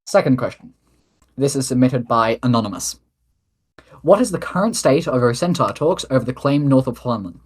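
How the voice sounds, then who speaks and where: The head of government of an online role-play nation reads official statements and takes submitted questions in a mock-formal political address, tossing in casual asides. The voice is medium-pitched with a breathy edge, lively intonation and normal speed.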